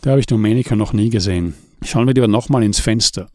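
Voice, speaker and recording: A man's voice: on the low side, fast talker, warm tone, no room sound, clean studio sound, lightly acted. A man voicing a brooding, worried friend. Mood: quiet.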